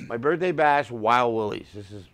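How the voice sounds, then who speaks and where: A man's voice: mid-range voice, expressive, unhurried, fairly bright tone. A man in his sixties, a guest comedian telling bawdy stories in casual talk-show banter. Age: 60s. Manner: joking storyteller with bawdy punchlines.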